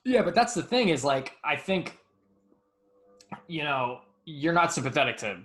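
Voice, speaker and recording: A man's voice: on the high side, sing-song, unhurried, fairly bright tone. A young man co-hosting a podcast, chatting casually and enthusiastically, rambling a bit and swearing now and then. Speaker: podcast co-host. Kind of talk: casual chat.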